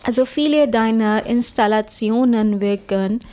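Slow-spoken woman interviewer. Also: a little high, mellow. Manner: slow, attentive, encouraging. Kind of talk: interview questions.

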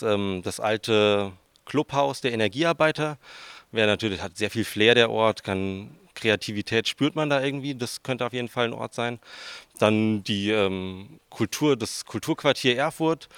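Giving informal interview answers, a young student researcher in his twenties from southern Hesse, Germany, speaks with a southern Hessian German accent. His voice is creaky, on the low side and a bit bright. There's no room sound.

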